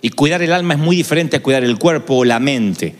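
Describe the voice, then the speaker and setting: A male pastor preaching an animated sermon and switching between acted voices. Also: mid-range voice, fairly quick. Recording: long hall reverb.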